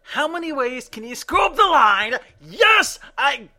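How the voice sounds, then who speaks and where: A man hosting a blooper reel as a deadpan, clinical mock forensic report. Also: extremely high pitch, measured pace.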